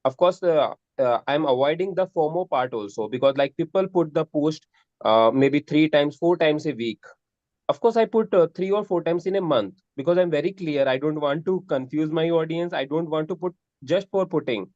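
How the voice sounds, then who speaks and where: Male attendee, fairly high voice, nods along a lot, muffled dry sound. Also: normal speed, a little mellow, dry recording. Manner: agreeable, many fillers and repeated affirmations. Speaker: audience member. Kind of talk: online session Q&A.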